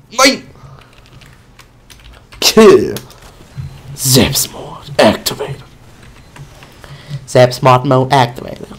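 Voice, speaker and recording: Excitable young man commentating a game. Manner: excitable, jumps into high-pitched shouts and goofy chants. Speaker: gaming commentator. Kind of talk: live gameplay commentary.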